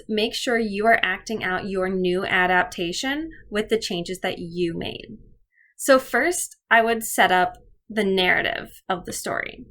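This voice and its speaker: A woman with a medium-pitched, fairly bright voice plays an elementary teacher in a video lesson. She speaks directly to the pupils, giving clear step-by-step instructions.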